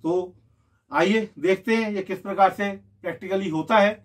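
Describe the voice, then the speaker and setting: A man's voice: sits high, normal speed. A man explaining keyboard scales in a patient, casual tutorial, counting the steps out aloud. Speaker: keyboard teacher.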